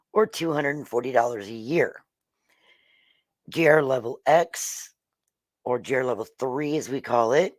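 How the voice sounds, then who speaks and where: Slow, slightly hoarse weather host. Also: mid-range voice, no room sound. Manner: slow, halting, frequent ums and throat clearing. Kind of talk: casual livestream explainer.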